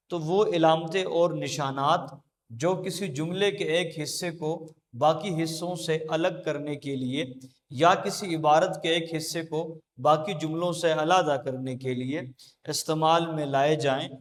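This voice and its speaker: A man giving a classroom lecture at a board, explaining slowly with frequent pauses and fillers. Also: fairly high pitch. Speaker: teacher. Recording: long hall reverb.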